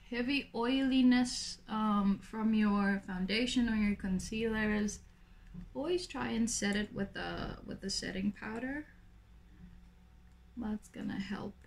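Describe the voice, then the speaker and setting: A young woman with a raspy, lazy voice chatting casually through a makeup tutorial, full of fillers. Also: a little high, slight background noise. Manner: lazy, laid-back delivery full of fillers. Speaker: makeup vlogger.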